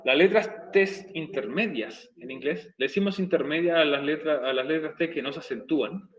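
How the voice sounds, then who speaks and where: Man, teacher, slightly high voice, slow repetitive explaining, echoey room. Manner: slow, repeating explanations step by step. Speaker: English teacher. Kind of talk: recorded video lesson.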